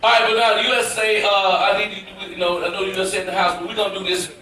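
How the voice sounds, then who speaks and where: A man from Memphis, doing loud, playful stand-up crowd work live on a cruise ship stage. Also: high voice, flat delivery, fast, a little hiss or hum. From Memphis, Tennessee, US. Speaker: stand-up comedian. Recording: echoey live theater from far off, loud crowd.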